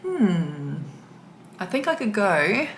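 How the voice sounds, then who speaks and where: A woman's voice: medium pitch, sing-song, takes it slowly, slight background noise. A young Australian woman chatting candidly while doing her makeup, getting emotional at times. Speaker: beauty vlogger. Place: indoor room with a mirror. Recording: echoey room.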